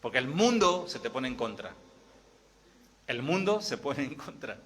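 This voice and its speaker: A man's voice: medium pitch, sing-song, measured pace, a bit bright. A middle-aged man with an Argentine accent, a pastor preaching a sermon in a chatty way, often asking the congregation questions. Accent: Argentine Spanish.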